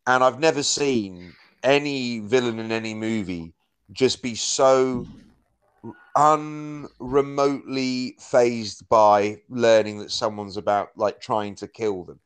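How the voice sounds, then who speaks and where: A man's voice: medium pitch, slow pace, clean tone. A man co-hosting a podcast, chatting casually about a film in a rambling way, full of "like" and restarts. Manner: rambling, heavy use of "like". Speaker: podcast co-host. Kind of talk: casual film review chat.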